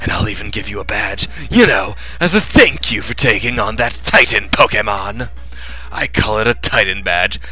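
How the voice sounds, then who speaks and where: A man voicing an eager, easily flustered young student adventurer from a video game, in an expressive, dramatic and casual way. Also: fairly low pitch, moderate pace. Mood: proud. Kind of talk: acted video game dialogue reading.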